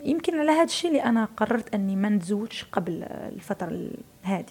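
A woman's voice: mid-range voice, sing-song, very fast, darkish tone, husky. An Algerian woman in her thirties with an Algerian Arabic accent, a media personality talking emphatically as an interview guest and repeating words for stress. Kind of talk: casual interview talk.

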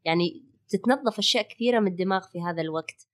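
A woman with a Hijazi Saudi accent co-hosts a health podcast as a holistic physician and wellness coach, explaining things conversationally and sprinkling in English words. She speaks rapid-fire at a medium pitch, with soft music in the background.

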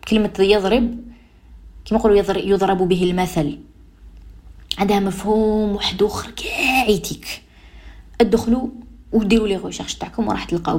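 Fast-talking Algerian woman radio host. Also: medium pitch, a little mellow. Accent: Algerian Arabic. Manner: emphatic, repetitive, admonishing. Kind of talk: advice monologue on social behavior.

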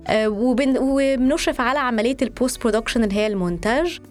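Egyptian woman in her 30s chatting in an interview, quick, switches between arabic and english, bit of music. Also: fairly high pitch. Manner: mixes English words and phrases into Arabic. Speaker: podcast guest, journalist and producer. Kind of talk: conversational interview. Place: studio.

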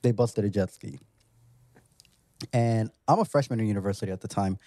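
A man co-hosting a podcast, telling a story in a casual, animated way. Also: fairly low pitch, fairly quick, no room sound, studio quality. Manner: animated storyteller who acts out other people's lines. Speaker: podcast co-host.

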